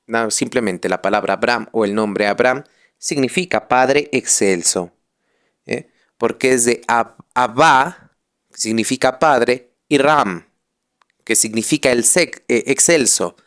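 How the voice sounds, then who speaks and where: Male friar lecturing on catechism, slow deliberate delivery, smooth clear voice, emphatic repetition. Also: medium pitch, fairly bright tone. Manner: emphatic, repeats phrases, leans on key words.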